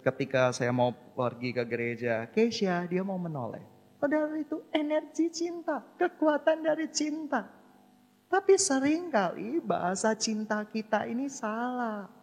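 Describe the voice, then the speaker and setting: Animated male pastor preaching in a reverberant hall. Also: a little slow. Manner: animated preaching, sudden jumps in pitch and loudness; repeatedly addresses the congregation as brothers and sisters. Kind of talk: sermon. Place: church.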